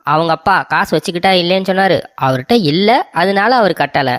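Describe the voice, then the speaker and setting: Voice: medium pitch, a little fast, fairly bright tone, no echo, studio quality, close to an everyday voice. A voice actor playing a doting young husband in a cartoon comedy, coaxing and sweet-talking his wife.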